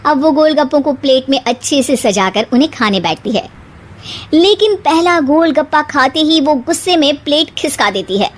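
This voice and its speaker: A woman narrator reading a scripted animated moral story for children. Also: high voice, moderate pace.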